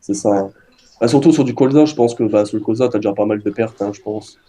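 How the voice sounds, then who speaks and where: A man's voice: fairly low pitch, fast talker, warm tone. A man hosting a casual multiplayer farming game session, chatting with friends and addressing viewers, with many hesitant fillers. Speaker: gaming video host. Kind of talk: casual multiplayer gaming chat.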